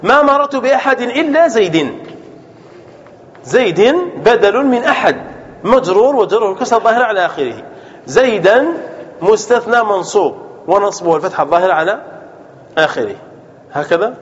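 Male teacher in a classroom, high and animated, keeps asking students questions; lo-fi recording. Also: fairly quick, long pauses. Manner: asks students questions and answers them, repeats key terms. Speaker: Arabic grammar teacher. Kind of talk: classroom grammar lesson. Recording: dull lo-fi class recording with faint room noise.

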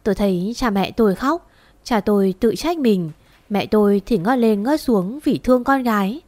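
A woman tells a sad first-person story in a slow, mournful voice. Her pitch sits in an ordinary middle range. The recording is close and completely dry, with no room sound at all. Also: expressive, darkish tone, no echo.

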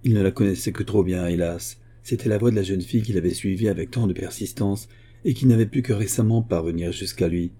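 Husky dark-voiced male audiobook narrator. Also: low-pitched, brisk. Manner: steady literary reading. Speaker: audiobook reader. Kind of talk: scripted narration.

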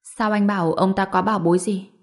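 A woman reading a gentle, curious young woman companion in an audiobook. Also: medium pitch, fairly even intonation, fairly quick, natural voice. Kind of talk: audiobook narration.

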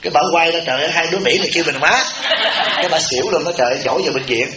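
A man's voice: on the high side, rapid-fire, crowd noise. A man with a Southern Vietnamese accent, a Buddhist abbot giving a humorous, chatty dharma talk to a retreat audience. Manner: chatty storytelling, animated when quoting others. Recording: roomy, dull, noisy temple hall recording.

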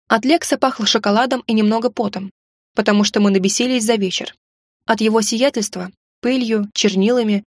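A woman reading a first-person audiobook with expressive, emotional storytelling. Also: a little high, no room sound, clean studio sound. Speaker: audiobook narrator.

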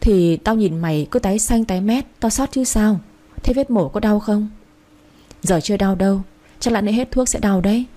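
Here is a chatty young woman in a storybook romance, a loyal best friend who fusses and teases, as a narrator voices her. Her voice is mellow and warm. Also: medium pitch, moderate pace, natural voice. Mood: fussing. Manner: teasing, fussing.

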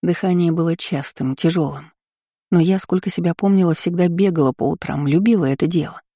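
A woman's voice: lowish voice, a little fast, warm tone, husky, no room sound, studio quality. A woman narrating a first-person novel as an audiobook, reading steadily and expressively.

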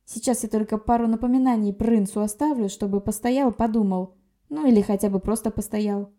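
Brief: a woman doing a snappy young sorceress, brusque, scolding, dark mellow tone. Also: on the high side, fairly even intonation, a little fast, natural voice. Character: sharp-tongued young sorceress girl, quick-tempered.

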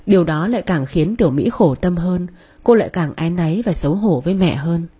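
A woman, reading a story in a calm, measured way. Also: fairly low pitch, slightly rough. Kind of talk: scripted narration.

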